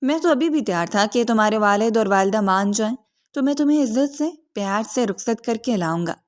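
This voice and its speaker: A woman's voice: a little high, lively intonation, close to an everyday voice. Possessive young lover, earnest and insistent, read by a woman narrator. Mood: intense pleading. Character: possessive young man, intense, pleading lover.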